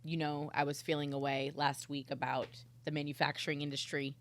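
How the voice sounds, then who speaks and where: A woman's voice: low voice, little pitch movement, brisk. Wry woman hosting a podcast. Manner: wry, teasing. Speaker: podcast host. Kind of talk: casual chat. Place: podcast studio.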